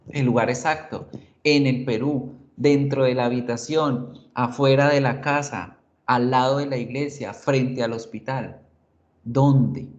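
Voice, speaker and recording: A man teaching an online English class, explaining slowly and checking in with short questions. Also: medium pitch, a little mellow, highs cut off.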